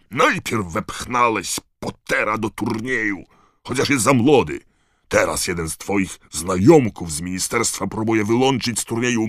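A man reading aloud, voicing a furious male headmaster who shrieks his accusations in rising pitch. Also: fairly bright tone, no echo, studio quality, heavily acted.

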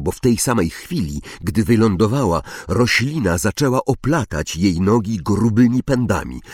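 A man reading a children's fantasy audiobook with expressive, dramatic storytelling. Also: lowish voice, husky, no echo, clean studio sound. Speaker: narrator.

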